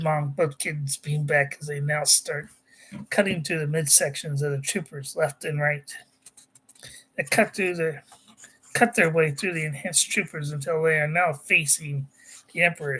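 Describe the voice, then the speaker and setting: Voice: mid-range voice, pushed and bright, low-quality recording. An amateur author casually reading their own sci-fi story aloud, often stopping to correct themselves and add chatty asides.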